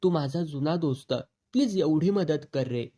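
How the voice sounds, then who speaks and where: A desperate, pleading male friend begs his old companion for help in a storybook reading, as a man puts him on. The voice stays dark and mellow, and the pleas lift slightly in pitch. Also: moderate pace, lightly acted. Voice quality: pleading, helpless.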